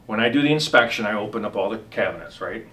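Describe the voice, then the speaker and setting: A man's voice: on the low side, expressive, fast, sharp tone, slight background noise. A middle-aged man, a home inspector, telling rambling anecdotes with lots of ums and restarts in a casual chat. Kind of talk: casual storytelling.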